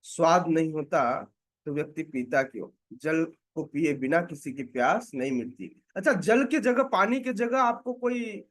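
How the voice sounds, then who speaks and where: A man preaching a scripture class, explaining slowly with many pauses and asking his listeners rhetorical questions to check that they follow. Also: a little high, lively intonation. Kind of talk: devotional scripture lecture.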